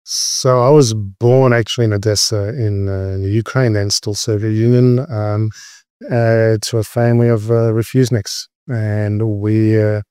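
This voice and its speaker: A man's voice: fairly low pitch, level tone, unhurried, a little mellow, clear, resonant tone, dry recording, clean studio sound. A man from Australia, a lawyer answering podcast interview questions with many hesitant fillers.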